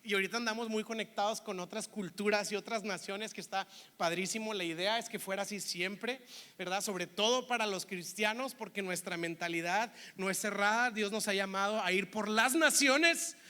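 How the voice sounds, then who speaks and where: A man's voice: high-pitched, moderate pace, pushed and bright, smooth, in a large hall. A man with a northern Mexican accent from Monterrey, preaching a sermon in a chatty way and often asking "¿verdad?". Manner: conversational, keeps asking "¿verdad?". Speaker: pastor.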